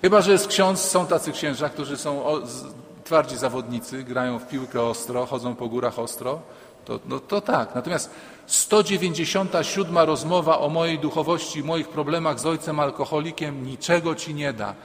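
A man's voice: a little high, moderate pace. A man, a priest, preaching a sermon emphatically, repeating key lines and dropping humorous asides. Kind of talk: sermon to a congregation. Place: church. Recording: long church reverb.

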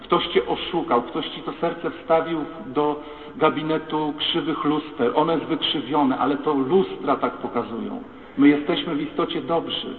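Preaching priest in an echoing hall. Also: male voice, fairly high pitch, moderate pace, distant mic. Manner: rhetorical, addresses the congregation directly. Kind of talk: sermon. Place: large church. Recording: echoey church hall, tinny phone-like sound.

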